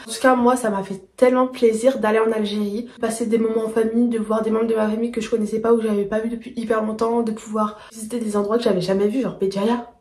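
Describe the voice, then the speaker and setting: A woman's voice: fairly high pitch, warm tone. A young woman chatting enthusiastically to her viewers in a casual vlog, talking them through things she picked up. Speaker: vlogger. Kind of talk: casual haul chat to camera. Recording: echoey room.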